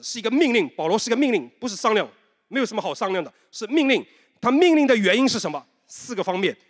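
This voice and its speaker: Male pastor, high voice, conversational storytelling sermon with rhetorical questions, echoing church hall. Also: a bit bright. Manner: mixes in English terms. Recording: long hall reverb.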